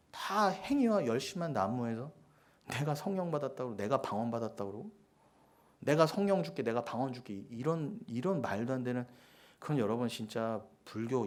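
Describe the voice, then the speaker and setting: A man preaching a sermon as pastor, with forceful rhetorical questions and sudden hushed asides. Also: medium pitch.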